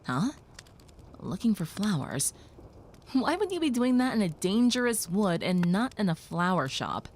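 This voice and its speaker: In an audio roleplay, a woman plays a gentle young vampire who is protective of the listener, speaking softly and reassuringly and sometimes whispering. Her medium-pitched voice is sing-song and a little slow.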